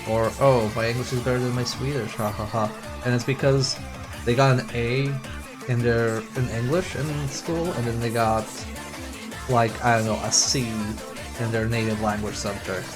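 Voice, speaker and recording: A man with a mid-range voice talks at normal speed and in a steady tone while streaming a game. His chat is casual, opinionated, and rambling, with swearing and mocking impressions of others, and racing game music plays behind him.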